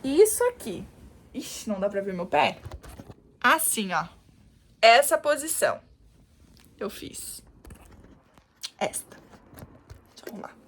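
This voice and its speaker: High-voiced animated woman vlogger. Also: takes it slowly, long pauses, slight background noise. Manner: animated, addresses viewers as "gente", demonstrates positions. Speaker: vlogger, new mother. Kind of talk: casual storytelling to camera.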